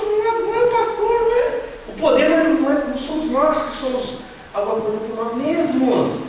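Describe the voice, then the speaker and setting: A man's voice: very high voice, slight background noise. A man preaching a sermon as pastor, with a Brazilian Portuguese accent, telling stories and acting out the voices of the people in them. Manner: storytelling, acting out quoted voices, rhetorical questions. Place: large echoey church hall. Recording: echoey hall from far off, dull sound.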